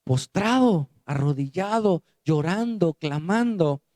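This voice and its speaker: A man preaching a sermon as pastor. He keeps asking the congregation rhetorical questions and swings between quiet low passages and loud emphatic ones. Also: lively intonation, slow, dry recording, clean studio sound.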